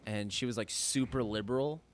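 A man's voice: medium pitch, a little fast, slight background noise. Man, comedian, rambling storyteller, lots of "like", swearing. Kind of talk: casual podcast chat.

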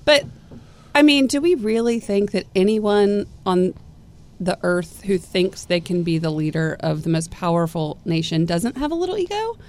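A woman co-hosting a casual chat, animated and quick to laugh, often talking over her partner. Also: mid-range voice. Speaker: podcast co-host.

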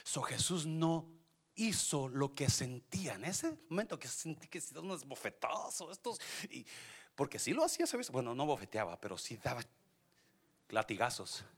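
A man, preaching a sermon as pastor, swinging from quiet asides to shouted climaxes and dropping in English phrases. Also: medium pitch, very animated, moderate pace, slightly rough.

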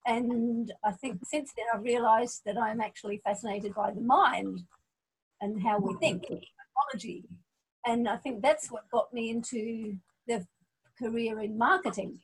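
In a casual interview, a woman in her forties, born in Scotland and raised in Australia, speaks thoughtfully as a guest, with frequent ums and restarts. Her voice is on the high side, a little slow and breathy-edged, and the audio is poor.

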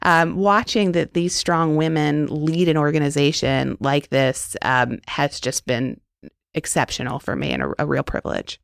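A woman's voice: low voice, fairly even intonation, normal speed, creaky, no room sound, studio quality. A woman answering interview questions in an earnest, enthusiastic way with frequent fillers. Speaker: interview guest.

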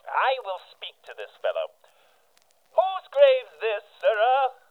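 An actor playing a witty young prince in old-time radio drama style, speaking verse theatrically, on a tinny recording. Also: male voice, very high voice, wildly swooping pitch, slow pace, exaggerated voice. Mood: amused.

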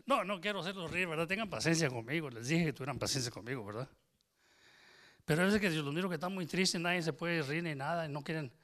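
A man's voice: a little high, pushed and bright. A man preaching an informal, joking sermon in a small church, slipping English phrases into his talk. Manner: switches into English phrases, jokes with congregation. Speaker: pastor.

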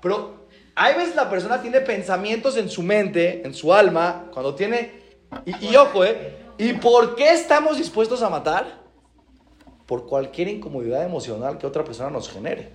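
Man, rabbi, high voice, repeats phrases, roomy echo. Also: moderate pace. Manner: animated, acts out dialogues, repeats phrases for emphasis. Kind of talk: Torah class.

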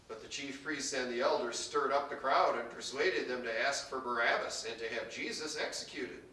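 A man's voice: medium pitch, normal speed, pushed and bright, roomy sound, distant mic, a little hiss or hum, rough recording. A man pastor reading scripture in a worship service, his voice rising sharply on the quoted lines. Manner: dramatic reading, raising his voice for quoted speakers. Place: church sanctuary.

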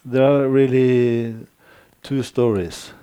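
Guy interviewing, mellow dark voice, stumbles a bit asking stuff. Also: mid-range voice, steady tone, takes it slowly, clear, resonant tone. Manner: hesitant, frequent backchannels. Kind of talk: interview questions.

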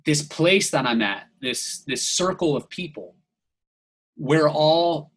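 A man's voice: a little high, expressive, slow, poor audio. A man from the United States telling a rambling story in casual podcast chat, filling nearly every phrase with "like". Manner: rambling, heavy use of "like", restarts.

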